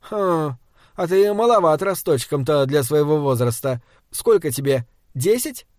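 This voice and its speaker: A man reading an audiobook, voicing a brusque, sardonic grown male monster hunter who gives gruff, mocking orders. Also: a little high, lively intonation, unhurried, a little mellow, no room sound, studio quality.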